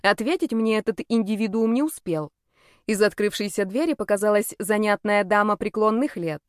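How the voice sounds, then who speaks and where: Female narrator for a first-person fantasy audiobook, wry and lively, dry booth sound. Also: mid-range voice, moderate pace, smooth, no echo.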